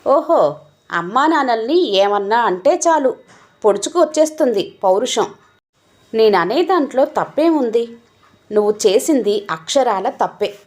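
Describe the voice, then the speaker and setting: A woman's voice: a little high, lively intonation, a little slow, darkish tone. A woman voicing an angry, scornful husband who scolds and mocks his wife. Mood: scolding. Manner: scolding, mocking.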